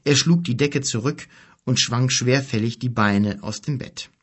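Husky male storybook narrator. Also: mid-range voice, a little slow. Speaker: audiobook narrator.

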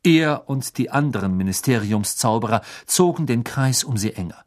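An audiobook reader narrating a fantasy novel with expressive, dramatic storytelling. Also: mid-range voice, moderate pace.

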